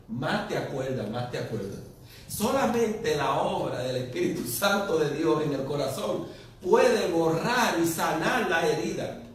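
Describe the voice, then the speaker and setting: A man preaching a sermon, asking the congregation rhetorical questions and swinging between quiet, low passages and loud, emphatic ones. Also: a little hiss or hum. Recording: very echoey room, distant mic.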